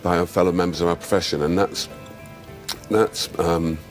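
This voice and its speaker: A man interviewed in archive footage as a nominated actor, speaking modestly and haltingly. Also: deep voice, steady tone, music in the background. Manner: modest, halting, self-effacing.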